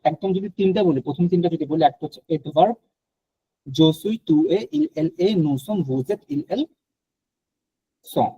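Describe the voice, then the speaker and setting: A man's voice: on the high side, expressive, unhurried, pauses often, dark tone, breathy edge, lo-fi sound. A man from Bangladesh teaching a French class online, explaining patiently and mixing in English phrases.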